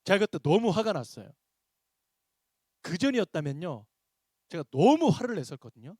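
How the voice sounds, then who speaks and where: Pastor guy lecturing teachers, kinda high voice, dry close sound, acts out all the back and forth. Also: normal speed, no room sound. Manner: animated storyteller acting out dialogue. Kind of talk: seminar lecture with acted anecdotes.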